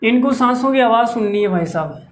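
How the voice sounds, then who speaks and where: A man teaching maths in a lively lecture, chatting with his viewers and teasing them as he works through the problems. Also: extremely high pitch, brisk, slight background noise.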